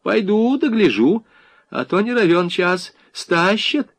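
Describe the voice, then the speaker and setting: A man voicing an older peasant woman, a sharp-tongued wife who can turn meek and sly, in an audiobook reading. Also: mid-range voice, sing-song, slow, pitched above the performer's own voice. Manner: scolding, then meek and sly.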